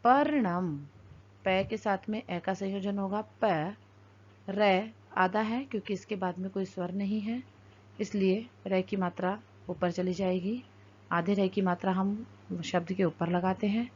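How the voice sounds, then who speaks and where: A woman teacher gives a lesson at a very slow, deliberate pace. She breaks words into single sounds and joins them back together. Her middle-pitched voice comes through a dull, lo-fi recording. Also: fairly even intonation, a little mellow, breathy edge. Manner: slow, careful and deliberate, spelling out sounds one by one.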